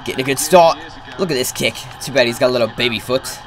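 A teenage boy hosting a gaming channel, giving casual commentary and getting excitable, yelling at the game. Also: medium pitch, quick pace.

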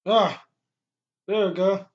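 A young man with a strikingly high voice reviews a product in a casual, blunt way. He talks slowly around a lip packed with chewing tobacco. The sound is dull, lo-fi webcam audio from a small room. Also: steady tone. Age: young adult. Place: small bare room indoors. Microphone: webcam microphone at desk distance.

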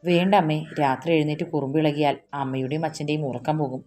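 An emotional young wife in a romantic audiobook, her voice low and soft, pleading and bashful by turns, as the woman narrator puts her on. Faint music plays underneath. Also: fairly even intonation, fast talker.

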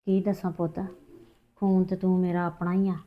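A woman's voice: on the low side, flat delivery, natural voice. An actress playing a scheming middle-aged mother, with a Punjabi accent, speaking defensively and evasively. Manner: defensive, talks fast and evasive. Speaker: mother in a family drama. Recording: dull lo-fi sound.

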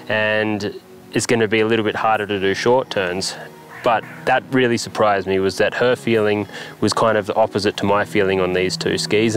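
A man's voice: on the low side, poor audio. A young man, a ski instructor, casually reviewing skis to camera outdoors, earnest and thinking aloud as he goes. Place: outdoors on a grassy mountain slope by a wooden chalet.

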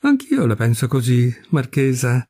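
Brief: man doing a mocking young gent, dark husky voice, storybook reading. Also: mid-range voice, sing-song, normal speed. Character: young gentleman, mocking, impertinent.

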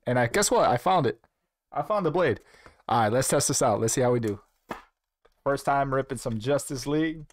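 A man hosting a trading-card break livestream, talking in an upbeat, joking way with casual swearing, slightly out of breath. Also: medium pitch. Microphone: earpiece in, on stream.

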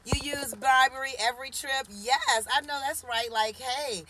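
The recording is low quality: a phone camera at arm's length in a parked car, where a woman in her forties hosts a casual live stream. She speaks at a normal speed in a high, sharp-toned voice, chatting, teasing, and greeting viewers by name.

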